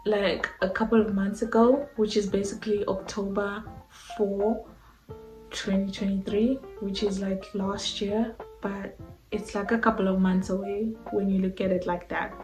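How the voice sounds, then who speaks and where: A woman's voice: medium pitch, flat delivery, measured pace, a little mellow, reverberant, soft background music, rough recording. A woman in her twenties from South Africa, talking casually and rambling to her vlog audience with lots of fillers. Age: 20s. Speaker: vlogger. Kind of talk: casual talk to camera.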